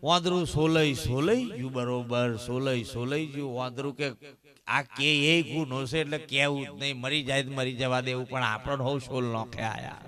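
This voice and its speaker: A man's voice: mid-range voice, moderate pace. A man with a Gujarati accent preaching a folk sermon at a village religious gathering, telling stories and firing rhetorical questions at the crowd. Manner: animated, addresses crowd as "saheb" and "bap", asks rhetorical questions. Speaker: bhajan satsang preacher.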